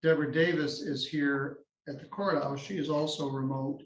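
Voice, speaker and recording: A man presiding as judge over a court hearing, formal and measured, his voice going hoarse. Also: fairly high pitch, steady tone, a little hiss or hum. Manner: formal, measured legal phrasing. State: losing his voice. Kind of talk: courtroom proceedings. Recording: echoey courtroom audio.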